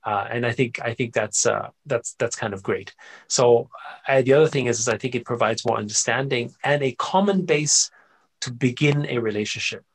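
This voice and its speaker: Gravelly-voiced man, animated interview guest. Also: medium pitch, moderate pace. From Austria. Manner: animated storyteller, frequent "right?" and "you know" tags. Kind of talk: casual conversational interview.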